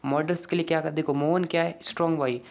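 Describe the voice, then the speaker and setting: A man walking students through an exam paper, asking rhetorical questions and reading English sentences out slowly. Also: on the high side, fairly even intonation, vocal fry, dull audio. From Rajasthan, India. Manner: keeps asking the class rhetorical questions, calls them friends. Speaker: teacher. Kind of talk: exam paper walkthrough lesson.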